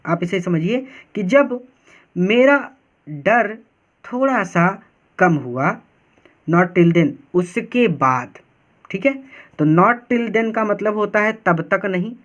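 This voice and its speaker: Male tutor, high voice, slow and patient, reads each line then explains it, dull lo-fi recording. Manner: reads English lines, then explains them in Hindi; patient and repetitive. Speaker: teacher.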